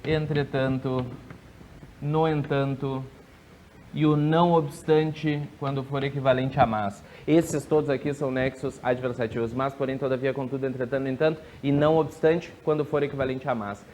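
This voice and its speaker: A man teaching a grammar lesson for an exam, drilling rules with quick yes-or-no questions and drawing out key words slowly. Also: medium pitch, steady tone, darkish tone, a little hiss or hum.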